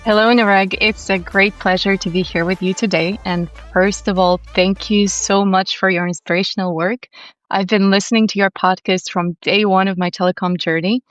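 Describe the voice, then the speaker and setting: A young woman from Latvia, a podcast guest speaking in a calm, soothing and articulate way. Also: medium pitch, normal speed, no echo, lo-fi sound, soft background music. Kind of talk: conversational interview.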